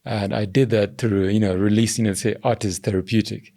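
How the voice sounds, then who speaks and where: This podcast guest, a governance strategist from Zambia, has a deep, gravelly, mellow voice with a steady tone. He gives thoughtful interview answers in a measured way, hedging with "I think" and "you know."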